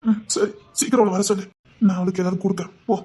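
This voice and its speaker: A woman's voice: mid-range voice, little pitch movement, dark tone, breathy edge, lightly acted. A woman playing a caring young village man who fusses over his sweetheart. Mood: coaxing. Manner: fast, fussing, coaxing. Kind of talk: village romance drama acting.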